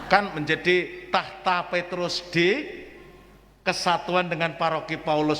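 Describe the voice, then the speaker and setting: High, bright-voiced Javanese priest preaching. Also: male voice, a little hiss or hum. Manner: lively, shifts between formal preaching and joking asides. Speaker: parish priest. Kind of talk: homily at Mass. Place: church. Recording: long church reverb.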